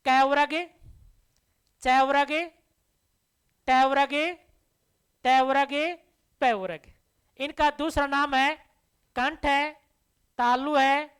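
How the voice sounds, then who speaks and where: A woman teacher leads a slow, patient classroom lesson. Her voice sits high. She speaks to the students as dear children, putting questions to them and answering each one herself so the terms stick. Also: fairly bright tone. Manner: addresses listeners as dear children.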